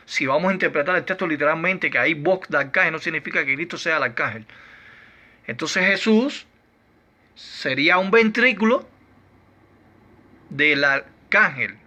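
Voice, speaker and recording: A man teaches scripture like a preacher, pressing his case through one rhetorical question after another. His voice is slightly high and very bright, with a sharp, forceful edge. He draws out key words slowly for emphasis. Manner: slow, emphatic delivery with drawn-out words. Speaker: Bible teacher. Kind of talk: doctrinal Bible lesson.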